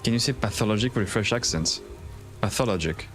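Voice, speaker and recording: A fairly low-pitched man on a gaming livestream, reading the game's dialogue aloud in a casual, playful way. His voice jumps up suddenly when something excites him, and faint music plays behind him. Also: fast talker. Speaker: streamer.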